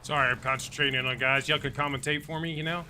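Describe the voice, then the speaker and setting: Bright-voiced gamer guy, swearing mid-fight. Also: a little high, steady tone, fast talker, slight background noise. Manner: swears often, focused on the fight. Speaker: streamer playing with friends. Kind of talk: casual gaming chat.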